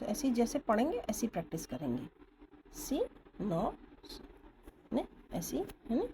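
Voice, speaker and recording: Recorded at a distance on a camera or phone with background noise, this high-pitched woman explains a stenography lesson. She patiently spells out words one letter at a time and makes sure her students are following, speaking English words with an Indian accent.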